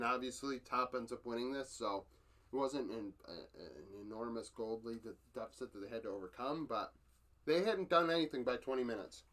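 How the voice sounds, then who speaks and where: A man's voice: fairly high pitch, a bit bright. A man giving a casual recap of esports matches from his notes, matter-of-fact, with frequent fillers and self-corrections.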